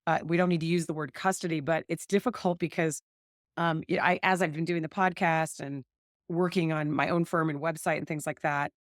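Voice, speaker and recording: A woman's voice: low-pitched, fairly even intonation, brisk, dry recording, studio quality. Earnest woman hosting a law podcast. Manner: earnest, thinks aloud with many 'like' and 'right'. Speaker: family law podcast host and attorney. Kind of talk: casual conversation.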